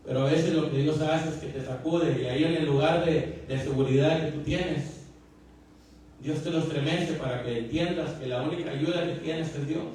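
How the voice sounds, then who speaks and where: A man's voice: a little high, steady tone, moderate pace, a little mellow, slight background noise. A man preaching a sermon as pastor, fervent and repetitive, full of fillers and questions to the congregation. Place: church hall. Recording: very echoey hall, mic far off.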